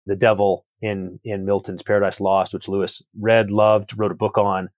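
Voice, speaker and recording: A man's voice: on the low side, flat delivery, normal speed, dry recording, studio quality. A man, an author and guest, talking thoughtfully through theological ideas and often repeating words as he builds a point. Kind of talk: reflective theological conversation.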